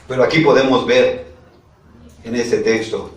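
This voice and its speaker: An unhurried male pastor with a medium-pitched voice and fairly even intonation preaches, reading from scripture and frequently turning to the congregation with questions. The sound is distant and echoey.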